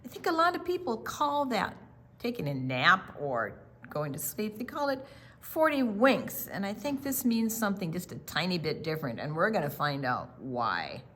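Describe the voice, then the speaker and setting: A children's storytime reader with a lowish, fairly bright voice reads a picture book aloud to young children. She reads expressively in a sing-song way at normal speed, stressing words and adding little explanations.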